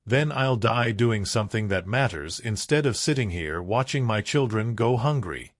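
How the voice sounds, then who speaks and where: A man's voice: fairly low pitch, animated, moderate pace, no room sound, studio quality. A man voicing a stern, determined middle-aged fisherman in a firm, clipped way. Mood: resolute.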